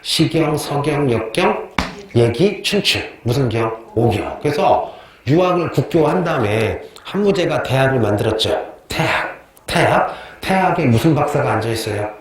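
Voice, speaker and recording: Lively male teacher in an echoey classroom. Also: mid-range voice, normal speed. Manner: asks questions and answers them himself, repeating key terms; chatty, tells joking anecdotes. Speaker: history teacher. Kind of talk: classroom history lecture with quiz questions. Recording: very echoey classroom with faint noise.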